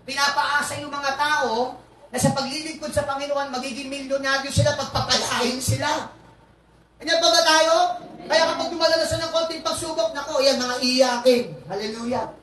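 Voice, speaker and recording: A man, a pastor, preaching a lively sermon with frequent hallelujahs and asides to his congregation. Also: extremely high pitch, moderate pace. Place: church hall. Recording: echoey hall, far from mic, faint noise.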